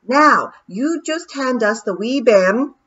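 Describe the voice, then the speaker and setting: A woman voicing a bold male pixie chieftain with a gruff Scottish accent and a blustery, commanding manner. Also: mid-range voice, big pitch swings, measured pace, highs cut off, pitched above the performer's own voice. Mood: bossy.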